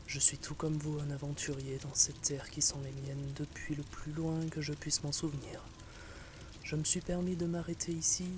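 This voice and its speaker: A man plays a reptilian wanderer from a fantasy audio tale, speaking with a soft sibilant hiss. He is calm, courteous and gently teasing, with a slightly raised, very even pitch. A clear wash of rain-like noise sits behind the voice. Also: natural voice. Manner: calm, courteous, unhurried storyteller. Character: calm friendly hooded reptilian adventurer, gently mocking. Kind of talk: fantasy audio story character acting.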